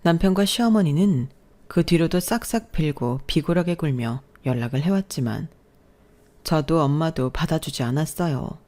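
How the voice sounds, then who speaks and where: A woman narrating a scripted first-person story in a brisk, matter-of-fact way. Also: sits low, dark tone.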